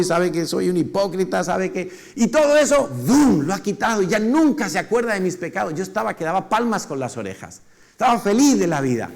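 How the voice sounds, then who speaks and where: A man preaching a lively sermon, often acting out what people say. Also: high voice, vocal fry. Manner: lively, acts out quoted voices.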